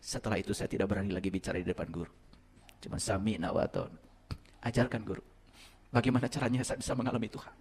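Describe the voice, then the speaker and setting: A middle-aged man preaching to a live audience, telling his own story and swinging between loud exclamations and hushed asides. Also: on the low side, fast, long pauses, slightly rough. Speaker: Islamic teacher.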